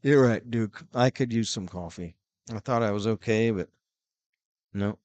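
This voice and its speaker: On a hockey broadcast, a middle-aged man pads airtime by reading viewer messages, rambling casually and using many fillers. His voice is low, a little mellow and unhurried, and the audio is dull with no echo.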